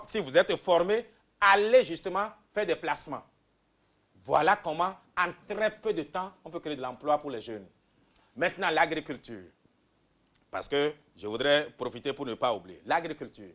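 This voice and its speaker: A man from Benin, answering interview questions as a political candidate in an emphatic way that swings from loud bursts to quiet asides. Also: a little high. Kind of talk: interview answers, campaign pitch.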